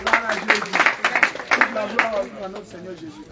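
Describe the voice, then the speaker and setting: A man's voice: sits high, steady tone, moderate pace, a loud crowd. A man leading a congregation, urging and praising fervently. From Ivory Coast. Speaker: worship leader. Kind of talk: exhorting a congregation. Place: church gathering. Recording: distant mic, loud noise.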